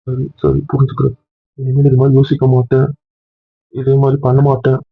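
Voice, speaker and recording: A man pleads and apologizes in a quick, flat run of words, pitched a little high, with a husky edge. The sound is tinny and dry, like a phone line, with faint music behind him. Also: no room sound. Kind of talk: couple's argument vlog.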